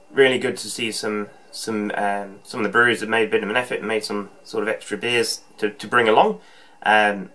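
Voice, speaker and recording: Framed closely by a camera on the desk, a man in his thirties with a fairly low, sharp-toned voice chats to viewers about homebrewing. His casual vlog talk from a small shelved room wanders, with frequent ums and restarts.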